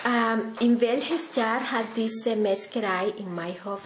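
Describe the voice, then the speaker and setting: Slow, hesitant woman from Costa Rica. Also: a little high. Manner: hesitant, careful, many fillers. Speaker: interviewer, language learner. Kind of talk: interview questions. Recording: echoey room with faint noise.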